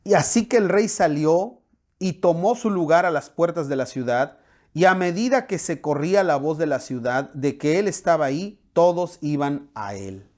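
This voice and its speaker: A man's voice: on the high side, animated, normal speed, darkish tone. A man with a Mexican Spanish accent, a pastor reading scripture expressively and then explaining it with spoken fillers. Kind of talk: sermon with Bible reading.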